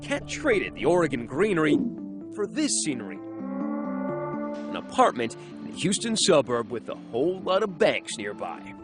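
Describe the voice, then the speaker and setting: A man's voice: fairly high pitch, huge pitch swings, normal speed. A man narrating a true-crime news story in a punchy, suspenseful scripted style with wry asides. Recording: music bed under narration. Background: music.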